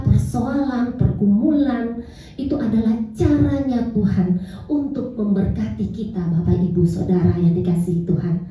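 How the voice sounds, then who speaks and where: A woman's voice: mid-range voice, warm tone. A middle-aged woman pastor preaching a sermon, repeatedly addressing the congregation and calling for amens. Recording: very echoey hall, distant mic.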